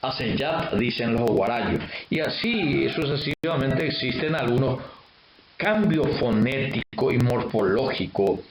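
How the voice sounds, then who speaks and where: A man with a Paraguayan Spanish accent giving a lecture, explaining hesitantly and pausing on frequent filler sounds. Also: mid-range voice, reverberant, a little hiss or hum, rough recording. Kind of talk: lecture on language history.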